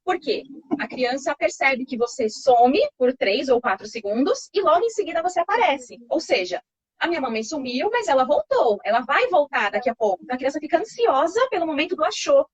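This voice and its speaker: A woman, calmly explaining baby development as an interview guest, reassuring and patient, often checking in with tag questions. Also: high voice, a little fast, no room sound. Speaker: child development expert guest. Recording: slightly muffled lo-fi recording.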